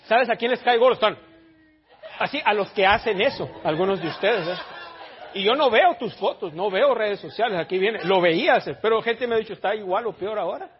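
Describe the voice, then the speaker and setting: A man's voice: high voice, animated, moderate pace, a faint crowd. A man preaching a blunt, teasing sermon in a church, calling out his congregation, in a dull lo-fi recording. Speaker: pastor.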